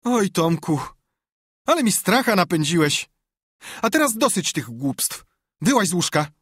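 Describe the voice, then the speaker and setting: A man's voice: high voice, animated, unhurried, breathy edge, no room sound, clean studio sound, voice pushed up, heavily acted. A man voicing an elderly aunt over 60, flustered and then scolding a child. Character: fussy elderly aunt, brisk and caring.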